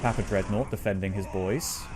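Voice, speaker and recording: A male streamer with a fairly low voice gives casual live gaming commentary. He is chatty and opinionated, and swears freely. There is faint noise in the recording. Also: normal speed, darkish tone. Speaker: game streamer.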